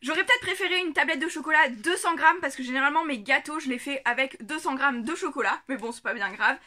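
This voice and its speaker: Bright, high-voiced chatty woman vlogger. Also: fast talker. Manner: chatty, giggly, many fillers. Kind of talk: casual unboxing chat. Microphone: camera on a tripod.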